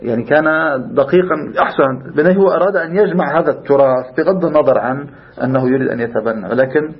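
A man's voice: mid-range voice, rapid-fire, dull audio. A man with a Levantine Arabic accent teaching a religious class informally, explaining animatedly and shifting between classical and colloquial speech. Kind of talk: informal lecture with discussion.

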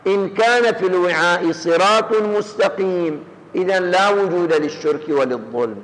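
A man delivering a Quranic exegesis lecture, measured and explanatory, restating his points. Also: high voice, fairly bright tone. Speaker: religious lecturer. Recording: echoey hall with faint ambience.

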